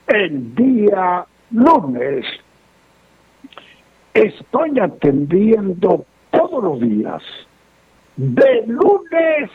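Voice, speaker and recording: A man's voice: high voice, vocal fry, slightly rough, no room sound. A man, a radio advice host and fortune teller, answering listeners' letters in a stern, moralizing way. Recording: lo-fi radio broadcast.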